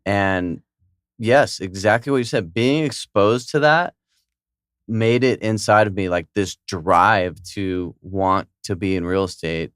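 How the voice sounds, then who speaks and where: A man's voice: lowish voice, slow, fairly bright tone, clean tone, no room sound, clean studio sound. A man in his thirties hosting a casual conversational interview. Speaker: podcast host.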